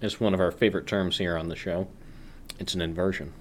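A man's voice: sits low, steady tone, a little fast, slight background noise. A man co-hosting a podcast, chatting playfully with frequent ums and asides. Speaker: podcast co-host. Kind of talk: casual chat.

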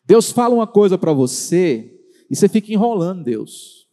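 A Brazilian pastor preaches in a high, dark-toned voice. He stretches out key words and puts direct questions to his listeners. His voice rings with the long reverb of a large church hall. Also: sing-song. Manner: preaching with slow, drawn-out emphasis and direct questions to the congregation. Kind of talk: sermon. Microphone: handheld or stand microphone.

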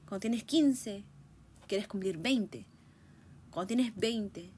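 A woman's voice: medium pitch, slight background noise. Reflective young woman musing aloud. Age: 20s. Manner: thinking aloud, musing, ends points with a questioning tag. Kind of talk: reflective casual monologue.

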